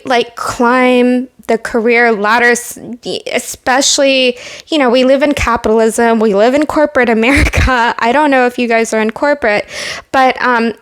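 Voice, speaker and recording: A young woman with a fairly high voice talks through a tarot reading to her viewers. She rambles warmly with lots of "like" and "you know," sounding earnest and moved. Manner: chatty, many fillers, emotional and earnest. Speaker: tarot reader. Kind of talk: casual pick-a-card tarot reading.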